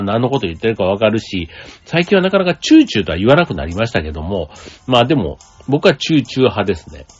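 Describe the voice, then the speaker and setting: Husky and mid-range, this Kansai podcast host runs a solo talk show in a casual way. His talk wanders, packed with fillers and side remarks, over faint music in slightly dull lo-fi sound.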